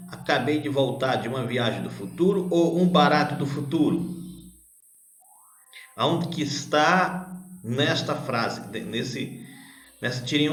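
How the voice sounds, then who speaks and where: A man, a teacher, patiently correcting a grammar worksheet for children, asking questions and answering them himself, spelling out syllables slowly. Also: mid-range voice, a bit bright. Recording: echoey room.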